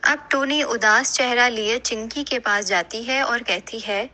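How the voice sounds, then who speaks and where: A woman telling a children's animated moral story. Her delivery is clear and storybook-like, with a bright, slightly high voice. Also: rough recording. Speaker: narrator. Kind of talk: storybook narration.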